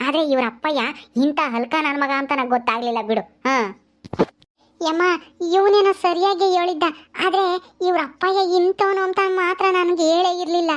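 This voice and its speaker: A woman's voice: very high voice, moderate pace, dull audio. A woman playing a scolding middle-aged village mother. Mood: disgusted. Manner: scolding, exclaiming often.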